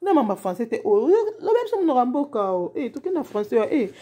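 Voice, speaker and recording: A woman's voice: a little high, sing-song, brisk, warm tone. A woman hosting a casual live stream, exclamatory and chatty, greeting viewers by name and tagging her lines with "hein?". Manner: code-switches, many "hein?" tags.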